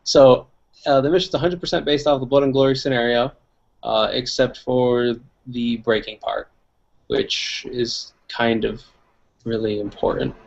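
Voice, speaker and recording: A man's voice: medium pitch, steady tone, a little slow, vocal fry. A young man co-hosting a casual chat, talking in a loose, rambling way with many fillers. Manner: rambling, filler-heavy, laughing. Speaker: co-host. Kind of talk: casual chat about tabletop wargaming. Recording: dull lo-fi recording.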